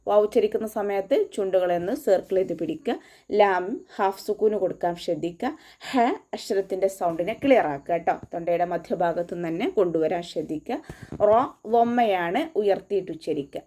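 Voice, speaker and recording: A woman teaching Quran recitation, going slowly line by line and explaining where to place the lips and tongue for each sound. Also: on the low side, warm tone. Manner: patient and methodical, gives mouth and tongue placement cues. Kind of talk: tajweed lesson, slow line-by-line instruction.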